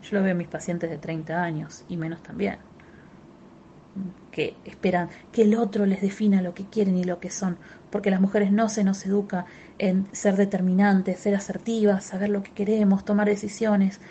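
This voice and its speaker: A woman's voice: medium pitch, little pitch movement, moderate pace, mellow, muffled recording, slight background noise. Emphatic woman therapist with Rioplatense accent. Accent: Rioplatense Spanish. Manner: emphatic, repetitive, addresses listeners directly. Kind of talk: explanatory talk.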